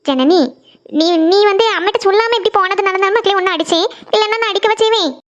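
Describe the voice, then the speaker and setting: A woman's voice: very high voice, fast, lo-fi sound. A woman voicing a worried, strict mother of a teen girl in a cartoon, with a scolding, anxious manner.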